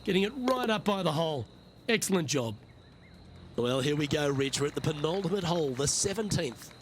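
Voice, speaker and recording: A man performs a courteous golf play-by-play announcer for a video game. His voice sits a bit high and his calls are measured. Clear background noise of the outdoors runs behind him. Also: lively intonation, close to an everyday voice. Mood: measured commentary. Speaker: golf commentator.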